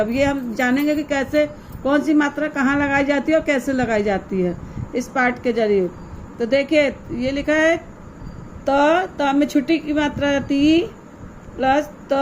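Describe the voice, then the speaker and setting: A woman's voice: sits high, slight background noise, poor audio. A woman teacher giving a grammar lesson to young children, explaining patiently and asking the pupils questions.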